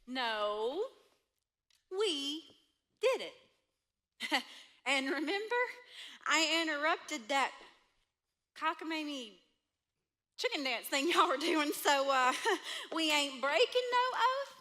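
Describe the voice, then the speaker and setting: A woman's voice: sits high, expressive, slow pace, long pauses, sharp tone, heavily acted. A woman in a church drama playing a scheming, bossy outlaw who talks in a brash drawl and laughs easily.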